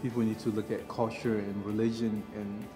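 A man's voice: on the low side, level tone, normal speed, long reverb tail, music in the background. A man from Senegal explaining in a video interview that Africa is diverse.

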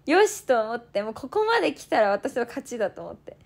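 A woman's voice: fairly high pitch, big pitch swings, gravelly, darkish tone. A young woman in her twenties telling a story in casual chat, acting out other people's lines and laughing often. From Toyama, Japan. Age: 20s. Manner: fast bursts of quoted speech. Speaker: idol turned streamer.

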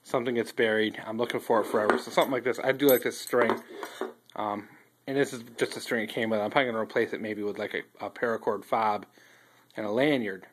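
A man's voice: on the low side, fast. Man, casual gear review, rambling with ums, phone mic, faint background hiss. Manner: relaxed, rambling, many ums and restarts. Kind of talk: casual show-and-tell review. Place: indoors at a wooden table. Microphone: handheld phone filming table close up.

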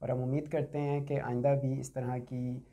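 A man's voice: mid-range voice, level tone, normal speed, dark tone. A middle-aged man hosting a panel, giving formal, polite closing thanks in a small studio on a desk mic. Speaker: host. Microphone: desk boom mic.

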